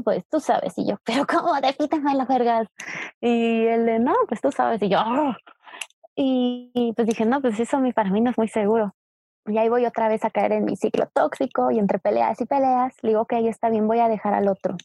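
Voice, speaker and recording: A young Mexican woman recounts a story in casual chat, acting out the voices in her quotes. Her voice sits a touch high, with a husky, dark tone. The recording is dry and close. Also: fairly quick, no echo. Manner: animated, acts out quoted dialogue. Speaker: interviewee.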